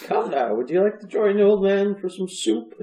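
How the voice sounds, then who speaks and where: A man's voice: high voice, lively intonation, moderate pace, very noisy, pitched above the performer's own voice. A man playing a mild, lonely old hermit. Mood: friendly. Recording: roomy echo.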